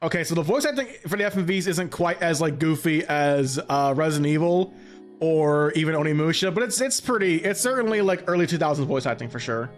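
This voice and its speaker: A man's voice: on the high side, lively intonation, brisk, faint music behind. A man doing casual, goofy live commentary while streaming a video game. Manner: goofy, joking, breaks into silly voices.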